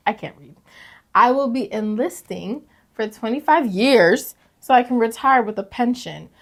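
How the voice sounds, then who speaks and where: Young woman podcast cohost, kinda high voice, bouncy and laughing a lot. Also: measured pace. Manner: animated, laughs often, slangy. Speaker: podcast co-host. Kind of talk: casual chat, reading confessions aloud.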